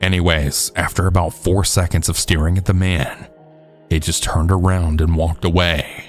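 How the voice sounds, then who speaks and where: A man narrating true scary stories in a steady, measured storytelling voice. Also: deep voice. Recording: faint background music.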